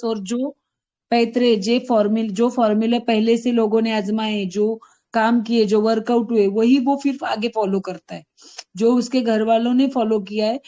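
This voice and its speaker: A fairly high, mellow-toned woman from Maharashtra talks through a patient case as a homeopathic doctor. Her delivery is thoughtful and explanatory, with frequent self-corrections. The audio is dull and lo-fi, like an online call. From Maharashtra, India.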